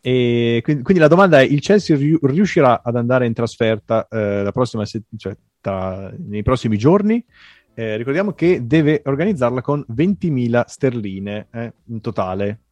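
A man with a medium-pitched voice presents a panel podcast casually. The recording is very dry, with no room sound. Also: animated, normal speed, a little mellow, no echo.

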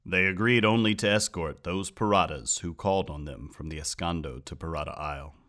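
A man voicing a booming, grave ship captain. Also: brisk, a bit bright. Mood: solemn. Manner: solemn, declaiming loremaster.

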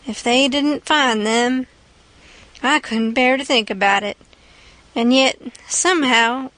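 A woman narrating a classic novel as an audiobook, in a folksy, unhurried storytelling manner. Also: high voice, a bit bright, dry recording. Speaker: audiobook reader.

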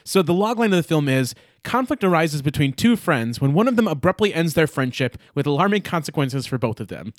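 A man's voice: fairly high pitch, sing-song, fairly quick, few pauses, no room sound, studio quality. A man co-hosting a film podcast, chatting eagerly as a movie buff. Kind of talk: casual film chat.

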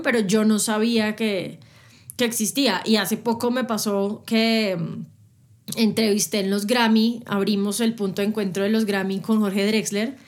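Presenter guest, woman, quick and lively anecdotes, a bit high-pitched. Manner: fast, animated storytelling. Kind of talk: casual interview chat.

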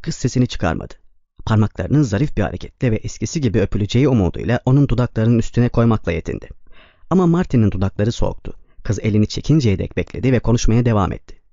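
Male audiobook narrator, quick and mellow, dry dull sound. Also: fairly low pitch, big pitch swings, creaky, no room sound. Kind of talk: scripted narration.

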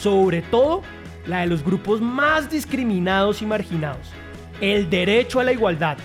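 A Colombian man from Bogotá narrates in a high-pitched voice with his local accent. The delivery is scripted but playful and colloquial, over light background music. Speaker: podcast host.

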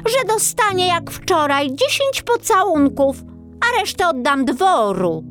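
Haughty storybook princess, high and petulant, as a female reader does her. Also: very animated, slow, a bit bright, faint music behind, full character voice. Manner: petulant and commanding. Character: haughty young princess, spoiled and whiny. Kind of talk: storybook reading.

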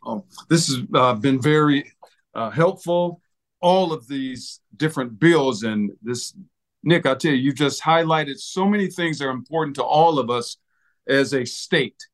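A man's voice: mid-range voice, a little slow. A man hosting an interview, asking questions and encouraging his guest in a friendly way. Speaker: host.

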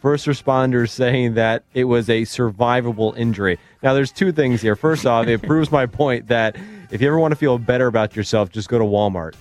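A male radio co-host dropping dry, wisecracking lines into the conversation. His voice sits at an ordinary middle pitch. Faint music runs underneath. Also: a little fast, hardly any pauses. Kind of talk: casual chat.

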